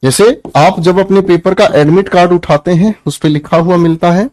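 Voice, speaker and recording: High-voiced Hindi-speaking Indian male teacher. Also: normal speed, darkish tone, no echo. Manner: calls students "beta", asks the class questions, firm and preachy. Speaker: English teacher. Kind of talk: online class lecture.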